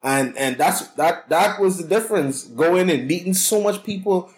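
This guest, a cannabis consultant from the Bahamas, has a high, animated voice and keeps a moderate pace. Chatting in a casual interview, he tells his story in a boisterous, talkative way, repeating words as he goes.

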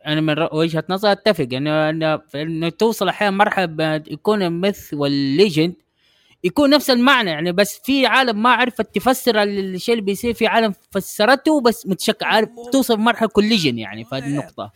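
A man on a podcast giving his opinion in a rushed way, restarting his sentences. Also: high voice, lively intonation, a bit bright, no echo, clean studio sound. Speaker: podcast guest. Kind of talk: casual podcast discussion.

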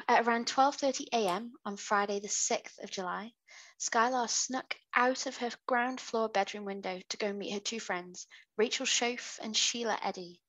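A woman's voice: on the high side, fairly bright tone, low-quality recording. A British woman hosting a podcast, reading out a true crime case with chatty asides. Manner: chatty asides while narrating. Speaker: podcast host.

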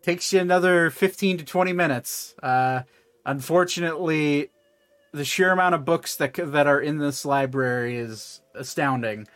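Running a tabletop game, a male game master narrates haltingly and conversationally, frequently correcting himself. His voice is on the high side and a bit bright, with no echo and soft music playing behind him.

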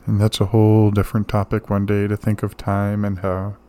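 A man gently delivering a calm bedtime relaxation monologue, soothing and unhurried, with pauses. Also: on the low side. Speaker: host of a sleep relaxation show.

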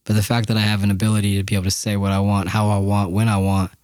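A man with a lowish voice talks casually and bluntly on a podcast, swearing freely and circling back on his thoughts. The sound is dry and close, with no room around it. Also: completely flat delivery, rapid-fire, darkish tone, no echo. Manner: candid, profane, meandering. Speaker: podcast co-host. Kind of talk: casual chat.

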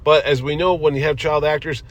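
A man hosting a casual, jokey movie chat while riding in a car, telling stories with animated asides. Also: fairly high pitch, fairly quick. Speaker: comic con host. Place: inside a moving car.

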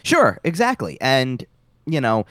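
A man's voice: medium pitch, huge pitch swings, a little slow, fairly bright tone, dry recording, studio quality. A man co-hosting a casual sports podcast, often restarting and repeating words as he makes his point. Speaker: podcast co-host.

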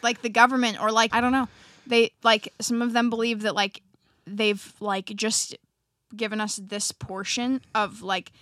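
A young woman guest on a podcast, rambling excitedly with lots of fillers. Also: a little high, a little slow, no echo, clean studio sound. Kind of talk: casual chat.

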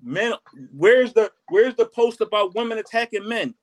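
A man's voice: high voice, lively intonation, normal speed. A man co-hosting a casual podcast, arguing emphatically and acting out quotes, with some profanity. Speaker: podcast co-host.

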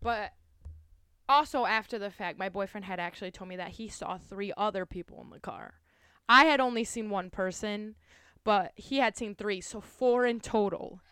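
A woman co-hosting a podcast, telling a story in casual chat, quick and animated with lots of "like"s. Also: mid-range voice, smooth, no echo, clean studio sound. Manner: animated, fast storytelling with many "like"s and acted-out quotes. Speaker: podcast co-host.

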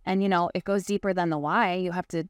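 A woman, a real estate agent on a podcast, chatting casually and acting out quotes in a higher voice, with lots of "like" and "you know". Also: fast talker, no room sound, clean studio sound. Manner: animated, acts out quotes in a higher voice.

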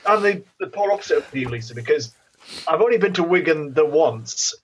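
A man's voice: on the high side, animated, a little fast, highs cut off, slight background noise. A man co-hosting a podcast in casual chat, teasing his co-host with wry asides.

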